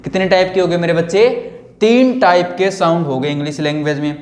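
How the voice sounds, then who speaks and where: A man's voice: fairly high pitch, a little fast, darkish tone. A man teaching an English lesson in Hindi, chatty and playful, who keeps repeating points and quizzing his students. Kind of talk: informal online lesson. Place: home room recording himself on camera. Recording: echoey room.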